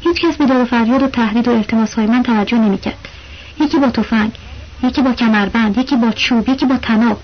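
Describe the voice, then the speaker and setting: An audiobook narrator telling a first-person story in an expressive, colloquial way. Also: mid-range voice, slight background noise. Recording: dull lo-fi audio.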